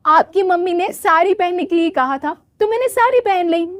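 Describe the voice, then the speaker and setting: A woman voicing a brash, fashion-proud young daughter-in-law in a cartoon story, high-pitched and indignant. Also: animated, normal speed, dry recording, clean studio sound. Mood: cheeky.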